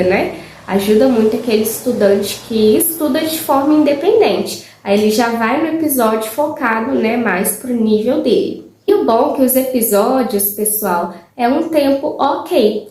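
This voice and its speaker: Woman, teacher voice, fairly high, chatty with lots of fillers, roomy echo. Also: warm tone. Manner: chatty, frequent "né" fillers and "gente". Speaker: English teacher. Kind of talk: casual spoken tips to viewers.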